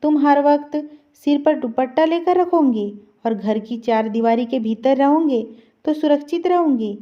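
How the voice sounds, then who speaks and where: A woman voicing a gentle, sorrowful dying mother in a read-aloud story, with a soft, pleading tone. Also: sits high, a little slow. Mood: tender. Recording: slightly dull lo-fi recording.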